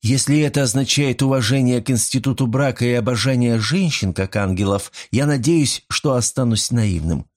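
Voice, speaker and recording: A man's voice: medium pitch, moderate pace, hardly any pauses, a little mellow, pitched above the performer's own voice, close to an everyday voice. A man voicing an earnest, good-natured young man who speaks politely.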